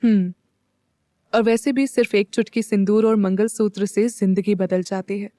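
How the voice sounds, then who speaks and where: A woman voicing a reserved young woman in an audio story, speaking flatly and with some hesitation. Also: mid-range voice, moderate pace, dry recording, studio quality, close to an everyday voice. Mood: guarded. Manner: expressionless, hesitant.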